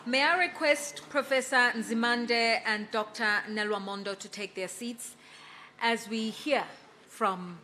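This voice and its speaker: Lady emceeing an awards night, stretches out the big intros, faint hiss behind. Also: fairly high pitch. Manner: warm, emphatic, drawn-out introductions. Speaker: master of ceremonies. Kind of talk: formal event hosting. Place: awards ceremony venue.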